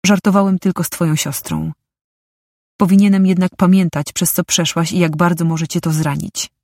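A woman voicing a tender, persistent young man who speaks calmly and surely, with a husky voice. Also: on the low side, moderate pace, no room sound, studio quality. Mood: earnest. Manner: calm and sure.

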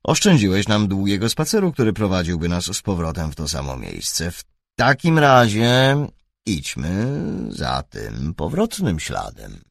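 Guy reading as a calm sly detective, low and soft, bit husky. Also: measured pace, dry recording, studio quality, full character voice. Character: calm, shrewd male detective, adult.

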